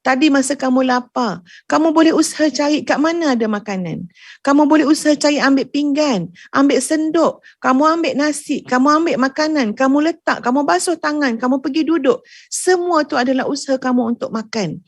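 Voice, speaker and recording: High, gravelly woman preacher. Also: brisk, no echo. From Malaysia. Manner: earnest, repeating phrases, addressing the audience. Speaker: religious teacher. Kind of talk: sermon.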